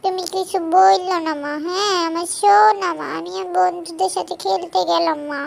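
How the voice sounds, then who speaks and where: A woman's voice: very high voice, steady tone, normal speed, gravelly, a little hiss or hum, full character voice. Woman doing a small pleading village boy. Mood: eager, pleading. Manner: pleading, repeats "ma". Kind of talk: cartoon voice acting.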